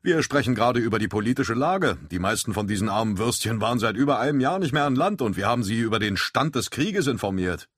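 A man doing a brisk, jovial quartermaster. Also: mid-range voice, expressive, fairly bright tone, slightly rough, no echo, studio quality, pitched above the performer's own voice. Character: cheerful male quartermaster, bossy, good-humoured.

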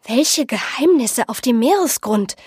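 A woman's voice: on the high side, lively intonation, unhurried, darkish tone, husky, no echo, clean studio sound, full character voice. A woman reading as a puzzled young woman. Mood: pressing.

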